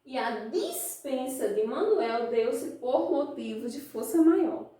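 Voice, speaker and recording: A Brazilian woman teaching a class, explaining slowly and checking in with her students with frequent questions. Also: high voice, lively intonation, dark tone. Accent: Brazilian Portuguese. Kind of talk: classroom lesson. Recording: very echoey room, voice from a distance.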